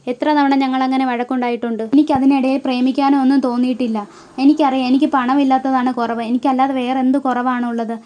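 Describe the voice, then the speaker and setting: A woman's voice: high voice, flat delivery, fast talker, darkish tone, lightly acted. A woman voicing an outspoken young woman who talks bluntly and firmly. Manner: blunt, firm.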